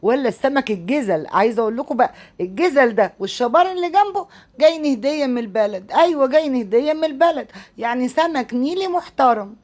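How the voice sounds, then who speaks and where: Egyptian lady doing a cooking video, chatty, talks quick, keeps exclaiming. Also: a little high, lively intonation, darkish tone. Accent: Egyptian Arabic. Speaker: cooking show host. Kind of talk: casual cooking tutorial.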